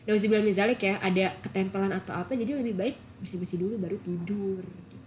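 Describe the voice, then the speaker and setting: A young woman co-hosting a podcast, telling stories in an animated, expressive way with casual slang. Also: medium pitch, quick pace, a little hiss or hum. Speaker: podcast co-host. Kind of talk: casual storytelling chat.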